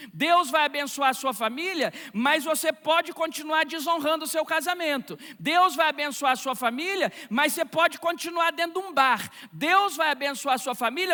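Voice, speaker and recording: A man's voice: extremely high pitch, sharp tone, long reverb tail. A man preaching a sermon as pastor in a church, emphatic and repeating his key phrases.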